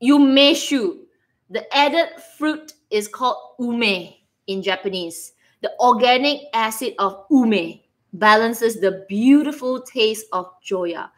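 A woman with a Singaporean accent hosting a casual livestream, playful and rambling as she chats to viewers. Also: fairly high pitch. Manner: animated, playful, rambling, reacting aloud to viewers' comments. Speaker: livestream host. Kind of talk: casual livestream chit-chat. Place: living room, indoors.

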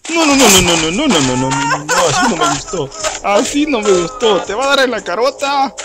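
A man giving casual gameplay commentary, joking, talking to his character and shouting at the game. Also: sits high, big pitch swings, normal speed, heavy background noise. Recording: loud game music under the voice.

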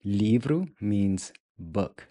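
A man teaching a beginner language lesson, speaking deliberately and repeating each word several times. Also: lowish voice, animated, dark tone, no echo.

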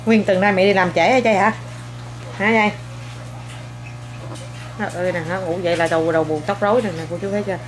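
A young woman, a mother filming a casual home vlog, coaxing, teasing and gently scolding her child while talking to viewers. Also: medium pitch, fairly even intonation, brisk, pauses often.

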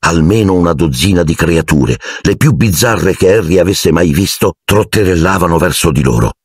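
Brief: male audiobook narrator, low husky voice, lively delivery, dry booth sound. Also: normal speed, no echo. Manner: expressive storytelling, acting out each character. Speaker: audiobook reader.

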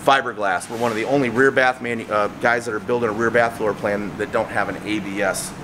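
A middle-aged man guiding a factory tour, talking casually and agreeing often with quick yeps. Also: fairly low pitch, fairly even intonation, reverberant. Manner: affirming with frequent yeps. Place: large indoor vehicle factory. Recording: noisy factory floor.

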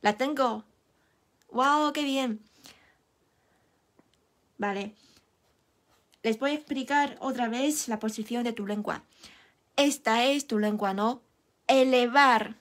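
This Mandarin teacher, a young woman whose first language is Chinese, speaks in a slightly high voice, slowly and with frequent pauses. During her live online lesson she shows how sounds are made and encourages her learners with patience.

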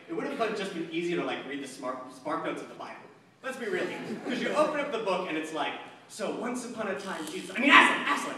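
A young man from Long Island doing a stand-up comedy set on a stage, lively and scattered with many fillers, recorded from far off in a large hall with the audience laughing. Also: high voice. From Long Island, New York. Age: young adult. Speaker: stand-up comic. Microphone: handheld mic, filmed from far seats.

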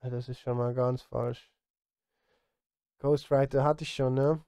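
A middle-aged man who streams music and composes film scores chats casually on a live stream, thinking aloud and grumbling at himself. His mid-range voice is flat, a little slow, warm, and smooth. The dry recording comes from a close studio microphone in his home studio indoors.

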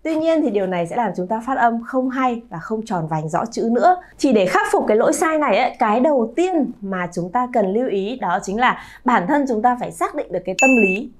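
Lively woman teaching pronunciation. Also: on the high side, a little fast, few pauses, slight background noise. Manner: lively, stretches sounds to model pronunciation. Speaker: Chinese teacher, channel founder. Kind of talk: pronunciation lesson to camera.

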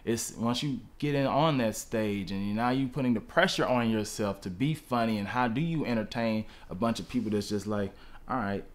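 A man in his thirties, a stand-up comedian, speaking earnestly in a documentary interview. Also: lowish voice. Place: room with brick wall.

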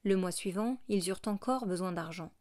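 A woman narrating a classic novel as an audiobook, in a measured, expressive reading. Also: medium pitch, dry recording, clean studio sound.

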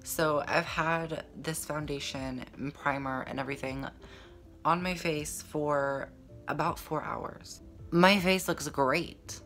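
This beauty vlogger, in their twenties, keeps a steady tone and a slow pace, the mid-range voice a bit bright. Sassy and slangy like a drag queen, they chat casually to camera in a makeup review, in a small room set up for filming with background music.

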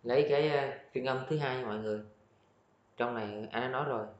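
A man teaching English pronunciation, repeating each word slowly and explaining it patiently. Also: mid-range voice. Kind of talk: pronunciation lesson. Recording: echoey, dull lo-fi room sound.

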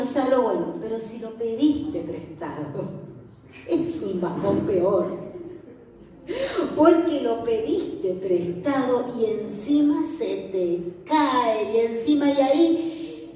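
A woman pastor with a Rioplatense Argentine accent preaches in a slow, chatty way, often turning to her listeners with questions. Her voice sits a little high. She is heard from a distance, with strong echo around her. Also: lively intonation, mellow, a little hiss or hum. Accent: Rioplatense Spanish. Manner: conversational, asks the audience questions. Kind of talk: sermon. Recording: echoey room, voice from far off.

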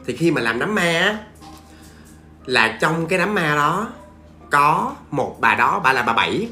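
A man's voice: fairly high pitch, big pitch swings, measured pace, sharp tone, roomy sound, faint music behind. A man with a Southern Vietnamese accent telling a ghost story in a chatty, familiar way to his listeners. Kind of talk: casual spoken storytelling.

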